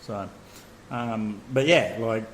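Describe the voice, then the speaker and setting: A man's voice: fairly low pitch, takes it slowly, low-quality recording. A man with an Australian accent talks in a blunt, easygoing way and swears freely. He hosts a fishing chat over a faint background hum. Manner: blunt, swears, makes sound effects. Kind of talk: casual chat.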